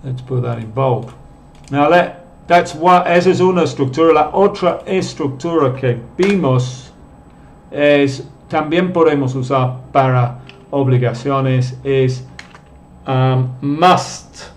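Slow, patient male teacher. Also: medium pitch, a little hiss or hum. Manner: patient, explains step by step and reads out viewer comments. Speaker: English teacher. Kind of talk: live online lesson.

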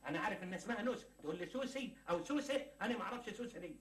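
An actor with an Egyptian accent playing a cheeky office clerk who keeps teasing and joking in a TV sitcom. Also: male voice, high-pitched, animated, rapid-fire, a bit bright. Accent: Egyptian Arabic. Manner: teasing, joking, laughs at his own jokes. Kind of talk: 1980s Egyptian TV sitcom acting.

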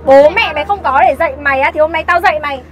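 A woman's voice: sits high, very fast, lightly acted. An actress playing a harsh young mother who berates an orphan boy, scolding sharply in a scripted web sitcom. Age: young adult. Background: background music.

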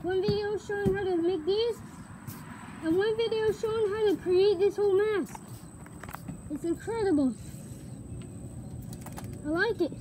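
A young woman vlogging about her homemade gadget, chatty and excited, talking through a gas mask. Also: extremely high pitch, unhurried, long pauses. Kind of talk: casual vlog. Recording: faint background noise.

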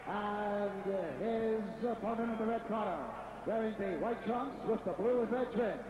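A man working as a boxing ring announcer, formally building up to names drawn out in a singing shout. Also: very high voice. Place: indoor boxing arena, heard over PA. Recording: distant, echoing arena PA, dull and noisy.

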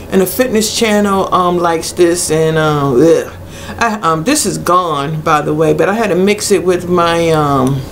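A middle-aged woman giving a blunt, casual product review in a hesitant way with many pauses. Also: fairly low pitch, creaky. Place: small cluttered room indoors. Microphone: webcam at arm's length. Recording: noisy webcam recording with room ambience.

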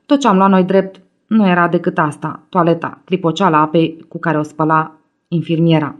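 A woman's voice: lowish voice, steady tone, lo-fi sound, natural voice. A woman reading an audiobook, voicing an agitated young man on crutches who talks in a strained, breathless way. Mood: shaken.

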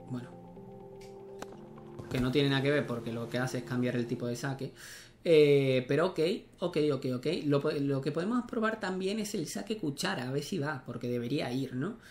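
A young man, chatting casually as he plays a tennis video game, thinking aloud and swearing at misses. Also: fairly high pitch. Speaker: gaming streamer. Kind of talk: casual gameplay commentary.

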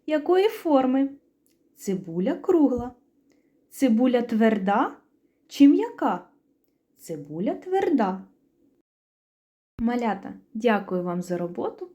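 Slow sing-song Ukrainian woman teacher. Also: a little high, sing-song, dark tone. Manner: slow, sing-song, clearly enunciated question and answer. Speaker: preschool teacher. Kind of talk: speech lesson for young children.

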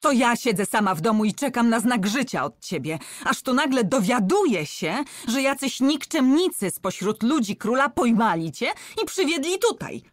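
A woman's voice: fairly high pitch, sing-song, moderate pace, hardly any pauses, dry recording, studio quality, pitched above the performer's own voice. A woman voicing a young woman who bluffs as a countess, speaking in a raised, agitated, pleading way. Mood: agitated, defiant.

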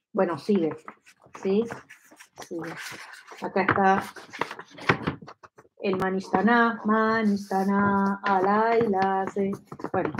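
A Kabbalah teacher in her fifties with an Argentine Spanish accent and a medium-pitched voice teaches a live online lesson from her home study on a lapel mic. She explains things and often asks listeners for agreement, checking they follow. Slight background noise is present.

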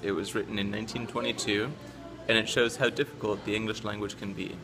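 A man with an American accent, an English teacher reading a poem aloud slowly and deliberately, word by word. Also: fairly low pitch, vocal fry. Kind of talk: slow careful poem reading.

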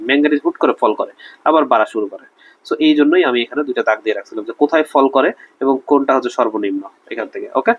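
Young male Bangladeshi chemistry tutor, brisk, casual, lo-fi voice-over. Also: mid-range voice. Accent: Bangladeshi Bengali. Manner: chatty, repeats "okay?" and quizzes the student. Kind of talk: casual online lesson with memory tricks.

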